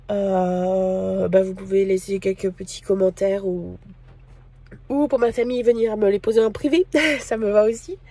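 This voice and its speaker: French woman vlogging, unhurried, lots of pauses and fillers, soft warm tone. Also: mid-range voice. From France. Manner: hesitant, many pauses and fillers. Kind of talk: casual personal vlog talk.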